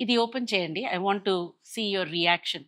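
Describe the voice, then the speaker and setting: Bright-voiced Telugu woman mixing in English. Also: mid-range voice, measured pace. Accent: Indian, Telugu. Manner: explanatory, with English phrases dropped into Telugu sentences. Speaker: guest explaining a maker center's projects. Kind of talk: interview explanation in Telugu mixed freely with English (Tenglish).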